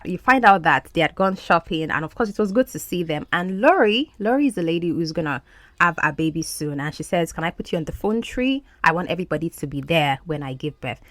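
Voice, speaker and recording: A woman's voice: fairly low pitch, expressive, a bit bright, no echo. A woman explaining English words and idioms in a podcast lesson, checking in with "okay?". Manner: explains slowly, often asks "okay?". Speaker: English teacher.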